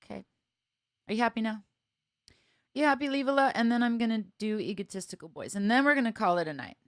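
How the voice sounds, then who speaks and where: A woman's voice: medium pitch, expressive, quick pace, no echo, clean studio sound. A woman musician chatting casually with viewers on a live stream, thinking aloud, laughing often and joking at her own expense.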